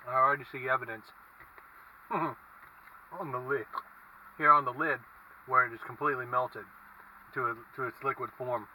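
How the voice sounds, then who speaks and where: A man giving a casual food review as he eats, speaking in a halting, musing way inside a car. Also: medium pitch, fairly even intonation, sharp tone. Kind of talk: casual vlog review, talking while eating. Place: inside a parked car with windows down. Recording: distant mic, faint car and traffic noise.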